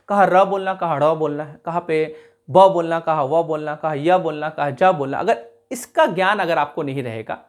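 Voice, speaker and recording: A man teaching a class, explaining carefully, repeating key sounds slowly and checking whether his students follow. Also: sits high. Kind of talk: classroom lecture.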